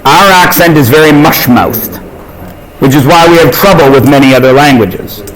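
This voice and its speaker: A man's voice: on the high side, moderate pace, a crowd in the background, rough recording. A Canadian man teaching math in a classroom, joking and teasing his students on a chatty tangent.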